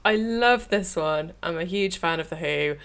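A woman's voice: on the low side, unhurried, fairly bright tone. A woman with a Northern English accent co-hosting a music podcast, gushing eagerly about a song she loves. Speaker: podcast co-host. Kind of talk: casual music review chat.

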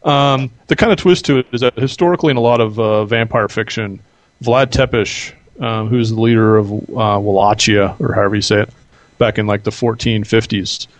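A man speaking as a podcast guest in casual interview chat, halting a little as he thinks aloud. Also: fairly low pitch, fairly even intonation, dry recording.

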